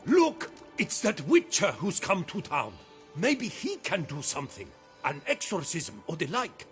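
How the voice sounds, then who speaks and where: Brief: a man playing a jumpy game laborer, high voice that bounces around, dramatic. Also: huge pitch swings, measured pace, a bit bright, soft background music, heavily acted. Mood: excited. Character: excitable, superstitious male quarry worker. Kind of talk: fan dub of a video game.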